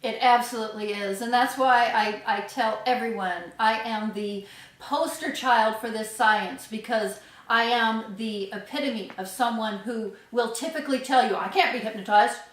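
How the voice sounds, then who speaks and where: A woman's voice: fairly high pitch, normal speed. A woman explaining off the cuff to an audience, emphatic and repeating her points for stress. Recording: echoey room, distant from microphone.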